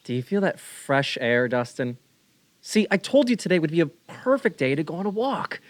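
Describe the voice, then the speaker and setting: Comedy sketch: man as an upbeat, easily wowed buddy, slightly high voice. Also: big pitch swings, normal speed, no echo. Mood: cheerful. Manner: enthusiastic, easily impressed. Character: gullible upbeat young man on a forest walk.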